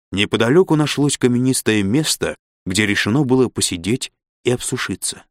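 Man, audiobook narration, low voice, dry close sound, steady expressive reading. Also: dry recording.

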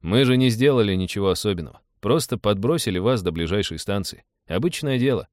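Мужчина, читающий реплики скромного капитана корабля, говорит с иронией, отмахиваясь. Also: male voice, fairly low pitch, lively intonation, a little fast, darkish tone, no room sound, clean studio sound, natural voice. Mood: wry. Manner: wry, dismissive. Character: modest wry middle-aged male ship captain.

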